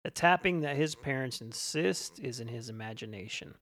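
A man's voice: medium pitch, expressive, normal speed, fairly bright tone, no room sound. A man co-hosting a podcast, chatting casually as he reviews films. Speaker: podcast co-host. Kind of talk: casual film review chat.

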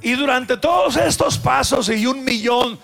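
A man preaching a sermon as pastor in a church, turning from shouted exhortation to quiet, personal words to his flock. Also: extremely high pitch, unhurried, gravelly, soft background music. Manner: swings between shouted exhortation and quiet, intimate asides; addresses the congregation directly and personally. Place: church sanctuary.

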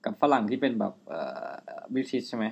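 A woman's voice: extremely low pitch, animated, fast talker, a little mellow, slightly rough. A woman interviewing a fellow teacher in casual, blunt chat with offhand swearing. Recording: dull lo-fi recording.

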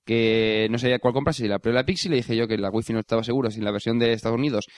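Man, podcast co-host, rapid and explanatory, dry close sound. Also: mid-range voice, fairly even intonation, dry recording. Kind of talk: casual podcast chat.

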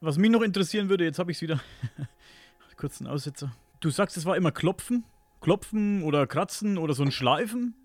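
A man's voice: a little high, animated, fairly quick, no room sound. A man interviewing a guest, asking curious, probing follow-up questions in a casual way.

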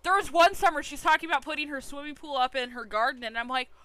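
A woman's voice: high voice, fast, sharp tone, low-quality recording. An American woman co-hosting a casual chat, telling stories bluntly and swearing constantly. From United States. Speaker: co-host.

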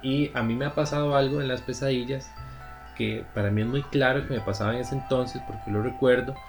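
A man's voice: mid-range voice, steady tone, fairly quick, music in the background. A man with a Costa Rican Spanish accent, co-hosting a podcast and telling a story at an easy pace with fillers. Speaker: podcast co-host. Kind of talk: casual chat.

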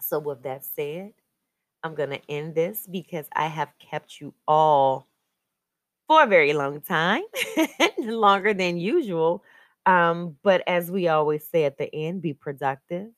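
A woman's voice: deep voice, measured pace, dry recording. A woman hosting her own podcast, talking in an upbeat, chatty way. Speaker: podcast host. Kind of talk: casual solo podcast chat.

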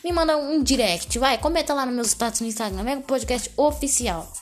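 Excitable Brazilian woman podcasting. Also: sits high, fairly quick, soft background music. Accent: Brazilian Portuguese. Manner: excitable, slangy, rambling. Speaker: podcast host. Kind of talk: casual solo podcast commentary.

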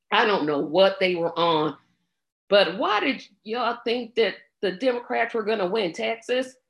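A woman's voice: mid-range voice, pushed and bright. A woman with a scratchy throat giving blunt, exasperated commentary on election results, with plenty of ums. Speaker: political commentator. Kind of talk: casual election-night commentary.

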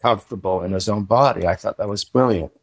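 A man's voice: fairly low pitch, fast talker, no echo. A man chatting as a guest on a podcast, eagerly sharing film trivia. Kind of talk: casual podcast chat.

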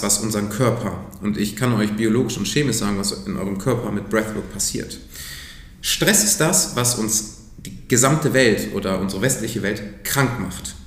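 A man's voice: fairly low pitch, echoey room. A man speaking as a breathwork coach in a casual podcast conversation, earnest and explanatory, sometimes dropping to a near-whisper for emphasis.

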